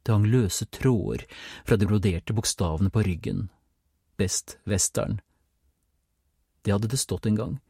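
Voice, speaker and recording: A man narrating an audiobook in a calm, measured storytelling manner, recorded on a close mic. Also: lowish voice, vocal fry, slightly rough, no room sound. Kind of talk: scripted narration.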